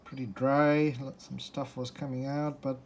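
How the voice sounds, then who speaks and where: In an unhurried, mid-range voice with little pitch movement, a man walks through a repair informally and off the cuff, hesitating and thinking aloud as he explains. He's a hobbyist restorer at a desk in an indoor room. He holds the phone or camera himself, behind the lens, and background noise comes through.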